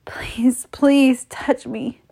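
A woman voicing a breathy, pleading young woman. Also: high voice, flat delivery, drawn-out words, dark tone, pitched above the performer's own voice, heavily acted.

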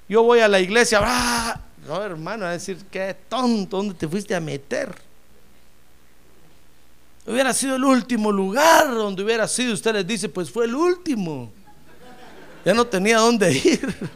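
A man preaching a sermon as pastor, joking with listeners as brothers and swelling into loud cries of praise before dropping to quiet asides. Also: high-pitched, expressive, moderate pace. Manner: humorous, addresses listeners as brother.

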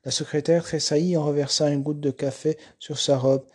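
A man reading a novel aloud in a steady, dry narrating style. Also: on the high side, brisk, breathy edge. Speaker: reader. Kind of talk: audiobook narration.

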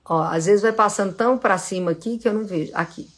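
A middle-aged woman with a Brazilian accent, a psychologist answering audience questions in a casual live Q&A, calm and explanatory, acting out short examples of how to speak. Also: mid-range voice, fast.

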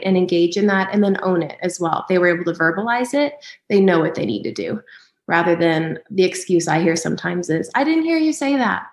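Woman giving parenting advice, roomy sound. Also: medium pitch. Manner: practical, frequent "um" and "right?". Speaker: parenting guest speaker.

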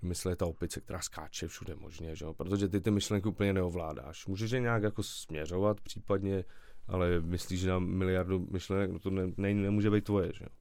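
A young man, a stand-up comedian, talking casually as a podcast guest in a relaxed, rambling way with slangy asides. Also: deep voice, no room sound. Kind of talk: casual conversational interview.

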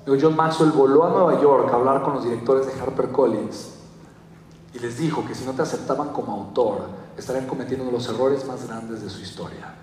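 A man's voice: mid-range voice, brisk, darkish tone. A young Mexican man with a Mexican Spanish accent giving a motivational talk, telling a story and acting out quotes with animation. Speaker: motivational speaker. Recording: echoey hall from far off.

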